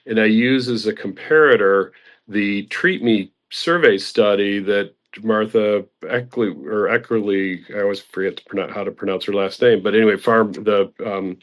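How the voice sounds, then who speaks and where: A man reflecting in an unhurried way in a casual online audio-room discussion. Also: on the low side, fairly even intonation. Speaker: discussion participant.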